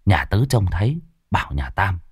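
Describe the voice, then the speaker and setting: A man narrating a comic ghost story in a lively, mocking way. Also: low-pitched, normal speed, slightly rough, dry recording, studio quality.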